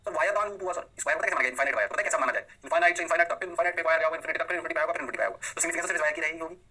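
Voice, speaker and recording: A male physics teacher speeding through a recorded lecture at a very fast clip. His voice is bright and sharp with a husky edge and sits a bit high. He keeps throwing questions at his students as he works through the material. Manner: rapid, animated, fires questions at students.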